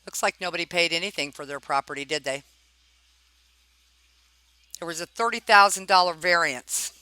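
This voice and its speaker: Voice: medium pitch, moderate pace, bright, forceful tone, no echo, rough recording. A person giving informal commentary while reading documents aloud, pointed and questioning, often tagging remarks with check-in questions. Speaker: narrator reviewing property records.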